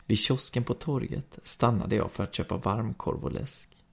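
A man with a Swedish accent reading a story aloud in calm, steady first-person narration. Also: fairly low pitch, creaky, slightly rough. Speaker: podcast reader.

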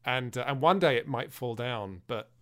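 Bright-voiced English man, deadpan jokes. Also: medium pitch, normal speed, soft background music. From England. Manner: deadpan, playful exaggeration. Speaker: podcast co-host. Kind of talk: casual chat.

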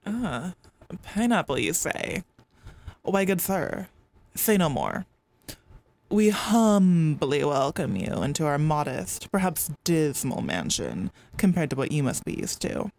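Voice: mid-range voice, big pitch swings, slow, darkish tone. A performer voicing a pompous, ingratiating doorman at a grand mansion, speaking in over-formal, flowery phrases. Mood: grandiose.

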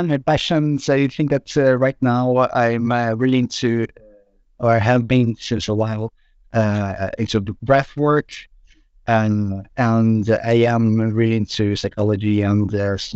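Halting man with many fillers. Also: mid-range voice, steady tone, a little mellow, smooth, dry recording, dull audio. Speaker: guest, product manager. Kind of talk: casual podcast chat.

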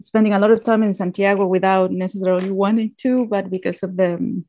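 A woman from Chile explains things at an even, steady pace, restarting phrases as she goes. Her voice sounds dry and slightly dull, with no room echo. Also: mid-range voice, a little fast. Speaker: guest speaker. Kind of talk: talk presentation.

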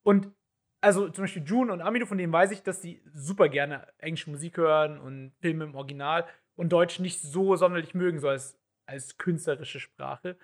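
High-voiced man chatting and teasing. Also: fairly even intonation, moderate pace. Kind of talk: casual chat.

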